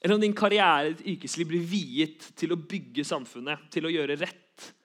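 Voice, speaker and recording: A man's voice: a little high, fairly bright tone. A young man giving an earnest sermon, repeating key phrases for emphasis. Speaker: preacher.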